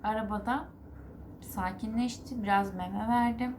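A woman's voice: on the high side, steady tone, unhurried, noisy background. A woman vlogger and mother talking to the camera, telling a story in a rambling, earnest way and correcting herself as she goes. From Turkey. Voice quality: rambling, self-correcting recounting.

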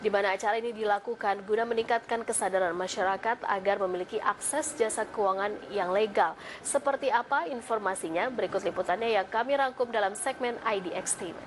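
A woman's voice: medium pitch, brisk, slight background noise. A woman news anchor reading a formal script in a TV studio.

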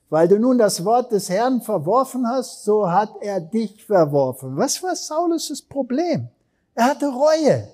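A man's voice: sits high, dark tone. A man preaching a sermon, telling stories emphatically and asking the listeners questions. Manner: emphatic storytelling with rhetorical questions.

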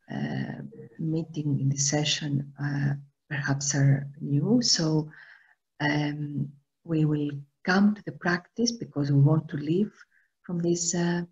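Over a video call, a Greek-accented woman in her sixties leads a meditation workshop from a room at home. Her low voice is a little mellow with a breathy edge, and she speaks slowly and haltingly, hesitating, searching for words and leaning on many fillers. The webcam audio comes through dull and lo-fi.

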